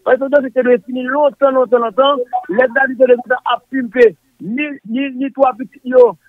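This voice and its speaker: A man's voice: very high voice, level tone, moderate pace, no echo. A man talking politics on a call-in show, repeating himself and speeding up as he stumbles over words. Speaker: political commentator. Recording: dull, dry lo-fi audio.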